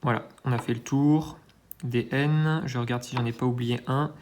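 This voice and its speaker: A man's voice: medium pitch, steady tone, moderate pace, a little mellow, slight background noise. Man, mid-range voice, hesitant think-aloud commentary, casual, self-deprecating asides. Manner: hesitant, thinking aloud, frequent filler sounds. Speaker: scratch-card channel host. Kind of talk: casual commentary while scratching tickets.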